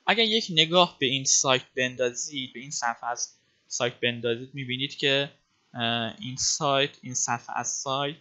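A man's voice: medium pitch, bright, forceful tone, highs cut off. A man teaching web design in a screencast, explaining step by step with frequent filler sounds and calling his viewers friends. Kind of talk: screencast coding tutorial.

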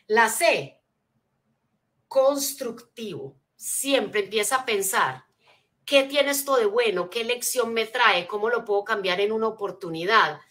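A woman giving a motivational seminar talk, teaching her points like a lesson and checking in with listeners with rhetorical questions. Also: fairly high pitch. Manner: energetic teacher, frequent rhetorical check-ins; spells out acronyms, asks listeners to take notes. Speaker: motivational speaker.

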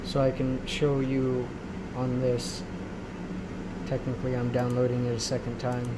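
An unhurried, medium-pitched male host rambles through a casual software tutorial, peppering it with "right?". The clip is a noisy home recording made on a handheld camera indoors, with steady background noise clearly present.

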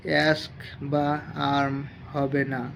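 A man teaching English pronunciation, spelling out letters and then saying each word in a slow, repetitive drill. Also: on the high side, monotone, gravelly, a bit bright. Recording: dull lo-fi sound with faint noise.

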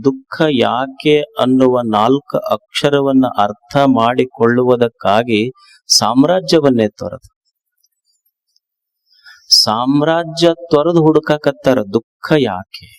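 A man with a North Karnataka Kannada accent giving a sermon as a swamiji, slow and emphatic, repeating key phrases. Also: mid-range voice. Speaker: swamiji preacher.

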